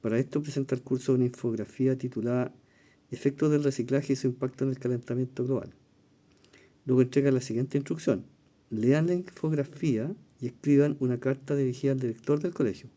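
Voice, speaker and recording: Chilean man teaching, very dark voice. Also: mid-range voice, steady tone, brisk. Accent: Chilean Spanish. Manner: explanatory, thinking aloud with fillers and tag questions. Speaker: teacher reviewing exam questions. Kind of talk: recorded exam-prep lesson.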